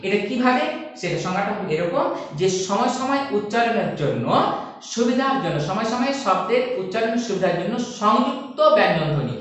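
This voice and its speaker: A man's voice: sits high, animated, a little fast, a bit bright. A male teacher giving an online lesson at a board, explaining step by step and asking rhetorical questions. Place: classroom with a board. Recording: echoey room, far from the mic.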